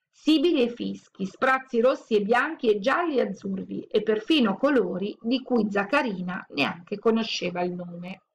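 A woman reading a children's book aloud, telling the story gently and expressively. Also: medium pitch. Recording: dull lo-fi recording, faint hiss.

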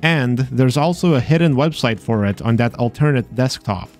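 A man who hosts videos exploring games narrates a scripted piece about a video game, dropping dry, sarcastic asides. His mid-range voice is a little mellow and keeps a moderate pace, with faint game music behind it.

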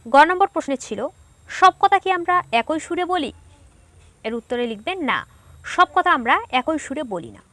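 A woman's voice: high voice, sing-song, moderate pace, pauses often, a bit bright, no room sound. A woman from Bangladesh teaching an online school lesson, reading each question aloud and then patiently dictating the answer step by step. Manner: patient, explains step by step to pupils.

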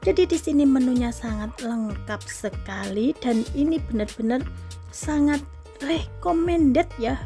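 Inside a crowded buffet restaurant, this young Indonesian vlogger eagerly tells her followers about the food in a casual, chatty way. Her voice sits on the high side, with a dark tone and some vocal fry.

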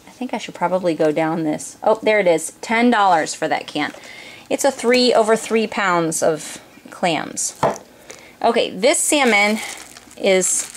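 A woman in her thirties talks casually through a grocery haul in her home kitchen, stopping to check a receipt and reading out prices. She speaks at an everyday mid pitch into a handheld camera held close, with faint noise in the background. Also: expressive. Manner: chatty, reads prices off a receipt, frequent pauses and fillers. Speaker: homeschooling mother and vlogger.

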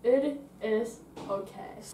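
A woman's voice: on the high side, slow pace, reverberant. A young woman from China giving brief, offhand interview answers. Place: small dormitory bedroom. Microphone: far camera. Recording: distant, loud hiss and clicks.

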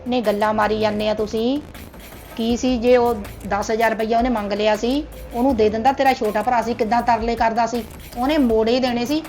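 A grumbling old Punjabi mother, as a woman plays her, her voice sitting a little high for a woman. She complains with self-pity about her son and daughter-in-law, and faint music runs under her lines in this family drama. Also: steady tone, fairly quick, a little mellow, close to an everyday voice. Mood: arguing.

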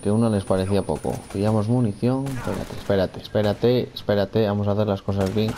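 A man commenting on a video game as he plays, with a gravelly, dark voice. He mutters to himself, repeats phrases and curses at enemies. A faint noise sits under the recording. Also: on the low side, fairly even intonation, brisk. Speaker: gamer playing a video game. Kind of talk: casual let's-play commentary.

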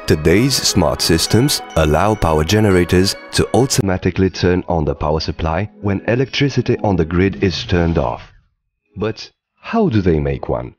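A man giving scripted documentary narration in an even, explanatory delivery, recorded as a studio voice-over. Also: deep voice, moderate pace, soft background music.

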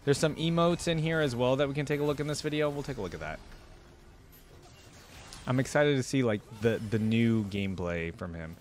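A young adult man, a reaction video host, gives casual gameplay commentary, musing aloud into a close desktop microphone with headset. His mid-range voice is brisk with a darkish tone, and the recording has clear background noise.

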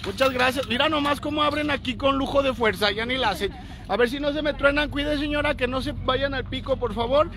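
Playful Mexican male vlogger, bright, sharp tone, teasing and loud. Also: very high voice, fairly even intonation, fairly quick, a faint crowd. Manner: playful, teasing, calls out loudly. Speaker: vlogger delivering a birthday gift. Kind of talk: casual joking vlog chat. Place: outside and inside a primary school.

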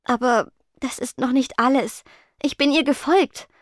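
A woman voicing a shy, nervous teenage ghost girl who speaks softly and stammers. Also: sits high, unhurried, dry recording, clean studio sound, pitched above the performer's own voice. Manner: soft, stammering, timid.

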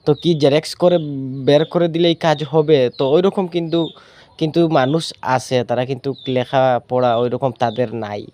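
A man's voice: medium pitch, darkish tone, a little hiss or hum. A man hosting his own channel, giving casual instructions on folk remedies and answering his own rhetorical questions. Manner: repetitive, poses rhetorical questions then answers them. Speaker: folk healer channel host. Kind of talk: casual instructional talk to camera.

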